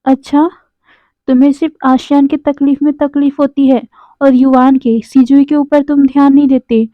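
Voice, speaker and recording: A protective young father scolds and accuses his partner, as a woman narrator voices him in her fairly high register. The sound is dry and narrow, like a phone line. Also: little pitch movement, moderate pace, dry recording, natural voice. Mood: scolding.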